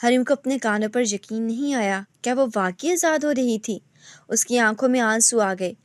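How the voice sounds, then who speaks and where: A woman reading a romantic novel aloud in steady scripted narration. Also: on the high side, no room sound.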